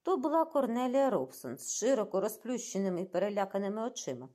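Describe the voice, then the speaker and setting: Female audiobook narrator, animated intonation, scripted read. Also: mid-range voice, fast talker. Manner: expressive reading.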